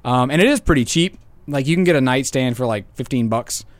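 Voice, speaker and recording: A man's voice: medium pitch, expressive, a little fast, no room sound. A young man co-hosting a college radio show, chatting casually and rambling with plenty of fillers and restarts. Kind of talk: casual on-air chat. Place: radio studio.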